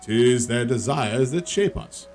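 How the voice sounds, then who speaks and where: An ancient dragon of a fantasy game, voiced by a man, speaks in a solemn dragon voice. The delivery is slow and grand, with archaic phrasing and wide swings in pitch. Faint music plays behind. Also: lively intonation, a little mellow. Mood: grave, stately. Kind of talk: reading video game dialogue in character.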